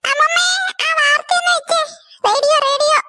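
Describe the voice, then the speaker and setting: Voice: very high voice, fairly even intonation, normal speed, raised voice, background noise. A whiny cartoon schoolboy. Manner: whining, pleading. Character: young schoolboy, lazy and whiny. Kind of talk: cartoon voice acting.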